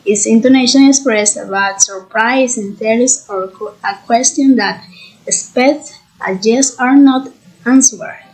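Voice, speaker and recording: Slow, halting woman presenting in class. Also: a little high, rough recording. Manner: reads from notes, halting. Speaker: student presenter.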